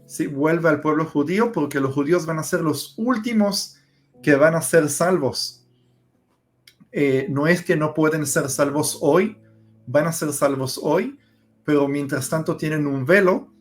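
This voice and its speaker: Man teaching scripture, very slow delivery, higher voice, soft guitar underneath. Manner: explanatory, with many fillers. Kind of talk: religious discussion.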